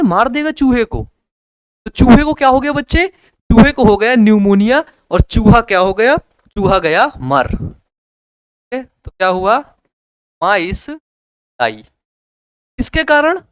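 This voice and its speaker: A young man teaching biology with a Hindi accent, his voice high and smooth. He lectures casually, throwing questions at students and joking between points. The sound is dry and close. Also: no room sound. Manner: chatty, repeats questions to students, jokes.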